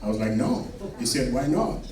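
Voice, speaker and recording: A man from Sudan with a Sudanese accent doing a stand-up comedy set on a club stage, delivering his punchlines slowly and deadpan. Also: medium pitch, recorded from a distance. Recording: echoey club recorded from afar with laughing crowd. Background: audience laughter.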